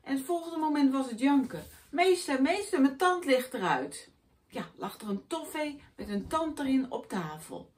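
A woman voicing a grumpy, greedy male schoolteacher who hates children, boastful and scornful, in a high, loud voice. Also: expressive, moderate pace.

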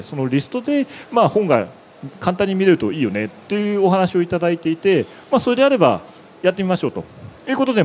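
A man's voice: on the high side, a little mellow, slight background noise. A man presenting a web demo on an exhibition stage into a handheld mic, explaining step by step with many filler words. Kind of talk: conference presentation.

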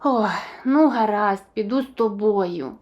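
Жінка озвучує боязкого, обережного маленького динозаврика-хлопчика з казки, говорить стурбовано й нерішуче. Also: female voice, mid-range voice, unhurried, dull audio, lightly acted. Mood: worried. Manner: worried, hesitant. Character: timid cautious little boy dinosaur.

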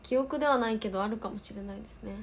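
Her high-leaning voice comes out rapid-fire over slight background noise. The speaker is a twenty-something idol livestream host from Osaka, Japan, who has a light Kansai accent and casually responds to viewer comments.

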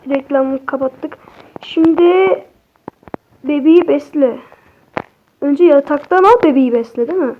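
A young woman, a native Turkish speaker, gives excitable, chatty horror game commentary to her viewers, cursing at the game as she plays. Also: high-pitched, measured pace, long pauses, phone-quality sound, a little hiss or hum. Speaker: gaming streamer.

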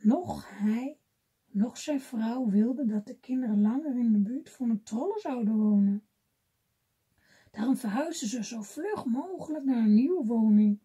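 A woman reading a children's fairy tale aloud gently, often dropping to a whisper. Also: fairly high pitch, measured pace, breathy edge. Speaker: storybook reader.

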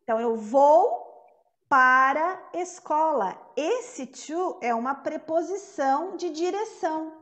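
A woman teaching an English pronunciation lesson, patiently saying each word slowly and more than once to model the sounds. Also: high-pitched, expressive, a bit bright. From Brazil.

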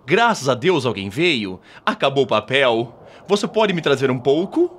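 A man voicing an embarrassed man stuck in a toilet stall, in a lowered, sheepish voice. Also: sing-song, normal speed.

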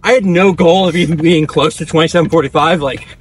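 Higher-voiced young man talking while jogging. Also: steady tone, fast talker, slight background noise. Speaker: professional distance runner being interviewed. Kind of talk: casual chat while running. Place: outdoors on a dirt country road, on the move.

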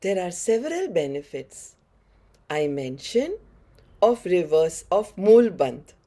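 A woman's voice: fairly low pitch, big pitch swings, takes it slowly, dark tone. A middle-aged woman with a North Indian accent teaching a yoga class in short, encouraging instructions. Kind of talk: guided online class instruction. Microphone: facing camera, head-and-shoulders webcam framing.

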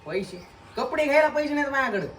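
A man's voice: extremely high pitch, expressive, fast. A young man acting in an improvised comedy skit as a rustic would-be groom, bantering stubbornly and teasing his girlfriend. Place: outdoors near a building. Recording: echoey distant mic with background noise.

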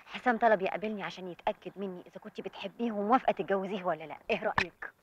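A woman's voice: medium pitch, very fast, breathy edge, lightly acted. An actress with an Egyptian accent playing a blunt young woman who teases and confronts her friend. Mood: frank. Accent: Egyptian Arabic. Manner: blunt, teasing. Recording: slightly muffled film soundtrack.

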